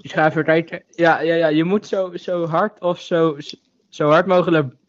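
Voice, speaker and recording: Male podcast guest, teasing and blunt, slightly high voice, muffled call sound. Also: flat delivery, normal speed. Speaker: podcast participant. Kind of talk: casual chat over a call.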